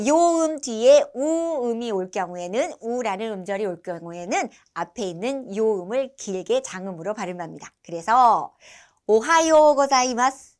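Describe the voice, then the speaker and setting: A woman teaching an online language lesson with a slightly high, clear voice. She models each phrase slowly and distinctly and leaves room for learners to repeat. Her manner is encouraging, and she praises them along the way.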